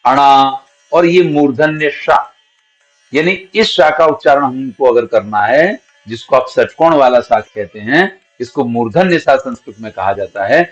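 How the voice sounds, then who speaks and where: Teacher sounding out syllables over faint music. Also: male voice, mid-range voice, expressive. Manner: explains patiently, sounds out each syllable slowly as an example. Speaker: Sanskrit grammar teacher. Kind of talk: spoken grammar lesson. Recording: dull lo-fi audio with faint background music.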